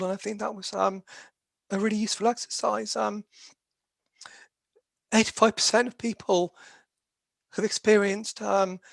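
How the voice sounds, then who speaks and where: A dispute resolution specialist presents a webinar, lecturing steadily in a croaky, gravelly voice of middling pitch. He sounds hesitant, pausing between phrases with very frequent "um" fillers. The sound is close and dry, with no room around it and no echo.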